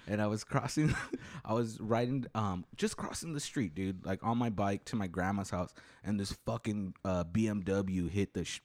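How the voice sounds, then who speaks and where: A man's voice: on the low side, normal speed, darkish tone, no room sound. A man hosting a podcast, telling a story in loose, profane chat and calling his guest "dude" a lot. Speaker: podcast host. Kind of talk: casual chat.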